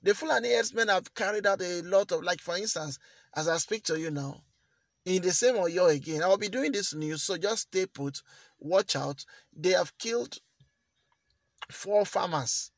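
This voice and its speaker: A man's voice: high-pitched, no room sound. Earnest man, dry close sound. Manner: earnest, repeats phrases for emphasis. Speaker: news vlogger. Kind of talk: commentary to camera.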